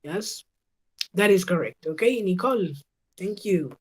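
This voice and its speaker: Slow, patient woman teacher. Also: on the low side, husky. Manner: patient, slow model pronunciation with frequent check questions. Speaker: English teacher. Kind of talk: online class instruction. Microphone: video call.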